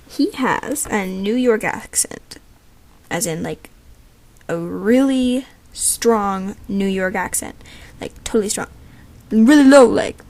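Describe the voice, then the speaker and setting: A woman describes the roles she wants voiced in a loose, rambling way, padding her sentences with fillers. Her voice carries a gravelly, creaky edge. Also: mid-range voice, darkish tone. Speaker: show creator holding voice auditions. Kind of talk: casual casting call.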